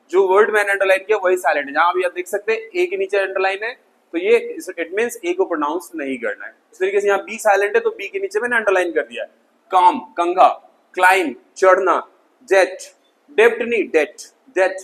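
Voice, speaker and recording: High-voiced man teaching English. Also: rough recording. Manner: energetic, repeats words for emphasis. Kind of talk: video lesson at a whiteboard.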